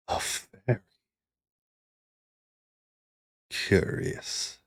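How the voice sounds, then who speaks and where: Deep-voiced, unhurried male game master. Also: no room sound, studio quality. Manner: dramatic, deliberate storytelling in short phrases. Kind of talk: narrating a tabletop fantasy game.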